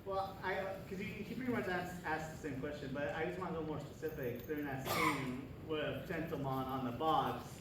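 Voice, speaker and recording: A man, a fan in the audience, asking a panel a question in a halting way. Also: fairly high pitch. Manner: hesitant, halting. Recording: echoey hall, distant camera mic, noisy.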